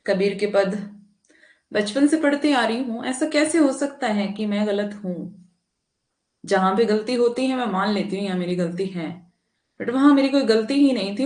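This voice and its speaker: A woman's voice: mid-range voice, darkish tone. Indignant woman teacher, echoey room. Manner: indignant, rising emphasis with frequent tag questions. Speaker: online Hindi exam teacher. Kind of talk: live online class, addressing students.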